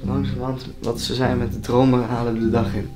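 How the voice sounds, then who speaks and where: A man's voice: medium pitch, flat delivery, brisk. Exhausted, muddled young man. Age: young adult. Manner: muddled, hesitant, trailing off. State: exhausted, sleep-deprived. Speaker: vlogger doing a sleep-deprivation experiment. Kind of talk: casual chat. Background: background music.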